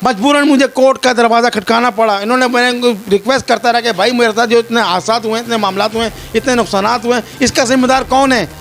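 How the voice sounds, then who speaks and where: A man's voice: very high voice, steady tone, fast, few pauses, a bit bright. A man from Pakistan telling his ordeal to a reporter, distressed and pleading, often repeating himself. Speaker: complainant telling his story. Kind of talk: personal account to a reporter.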